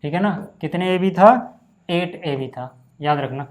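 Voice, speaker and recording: A man teaching a maths lesson in a relaxed, chatty way, often saying "okay" and calling his students "brother". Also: fairly high pitch, unhurried. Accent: Hindi. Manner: casual, repeats "ठीक है" and "भाई" often. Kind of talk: screen-recorded maths lesson.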